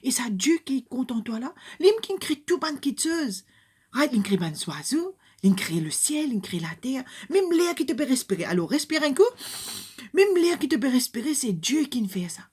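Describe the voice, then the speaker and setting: An older woman with a Mauritian Creole accent tells a Bible story to children in a husky, fairly high voice. She is animated, dropping into hushed, whispery asides and then rising to loud calls. Her delivery is that of a children's Bible lesson. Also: moderate pace.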